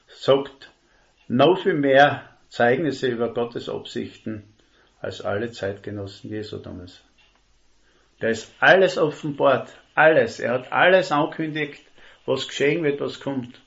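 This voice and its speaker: A man preaching a sermon, earnest and emphatic, slowing down to stress key words. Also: medium pitch, creaky. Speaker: lay preacher. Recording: dull lo-fi recording.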